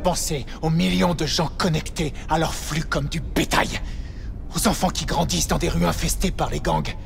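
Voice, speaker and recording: A man's voice: fairly high pitch, steady tone, moderate pace, vocal fry, soft background music. A man playing an earnest, devout convict seeking redemption in a game, speaking with preaching fervour. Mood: fervent. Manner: fervent, preaching. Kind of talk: dramatic video game acting.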